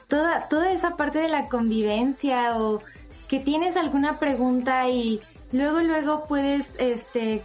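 Student girl, high voice, keeps restarting, faint music. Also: a little mellow. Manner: hesitant, with many restarts. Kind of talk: casual testimonial.

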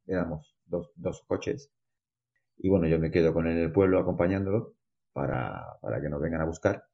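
Spanish guy from granada, accent gone half argentine, really low dark voice, rambly interview chat, kinda muffled. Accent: Spanish from Granada with a slight Argentine mix. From Spain. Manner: rambling, with many restarts and laughs, swings between loud and quiet. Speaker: mountain runner and mountaineer. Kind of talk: conversational interview storytelling.

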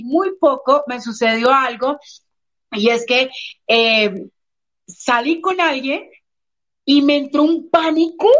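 A woman's voice: sits high, muffled recording. A woman coach talking casually in an interview, telling stories and acting out what people say. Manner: expressive storyteller, acts out quoted voices. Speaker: emotional coach.

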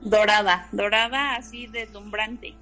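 A woman's voice: mid-range voice, steady tone, unhurried, bright, forceful tone, soft background music. A woman tells a personal story as an interviewee, rambling and repeating words with many fillers.

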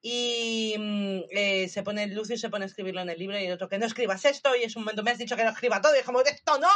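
A woman in casual chat, recapping a show with animated retellings, acting out the lines and swearing freely. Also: medium pitch, fast, hardly any pauses.

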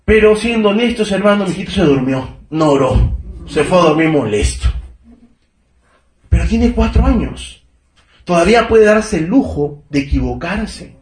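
A man in his thirties delivers an emphatic sermon in a fairly high voice. He keeps calling his listeners brother and checking that they follow him. The sound is roomy and echoing, as in a church. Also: lively intonation, moderate pace, darkish tone. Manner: emphatic preaching. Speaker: preacher. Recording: echoey room.

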